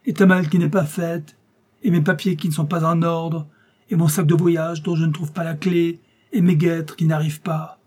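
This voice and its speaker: A man reading an audiobook, voicing an impatient elderly male professor who shouts hurried orders. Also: fairly high pitch, little pitch movement, pitched above the performer's own voice, lightly acted. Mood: agitated.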